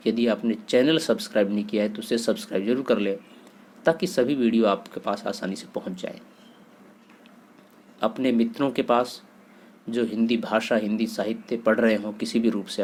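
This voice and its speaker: A man's voice: on the low side, darkish tone, slight background noise. A man teaching a grammar lesson for exam students, steadily listing word pairs and asking and answering his own questions.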